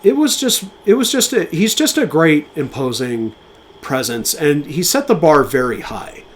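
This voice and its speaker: A man co-hosting a podcast, speaking casually and with enthusiasm about film, with fillers and quick restarts. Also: on the high side, very animated, a little hiss or hum. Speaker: podcast co-host.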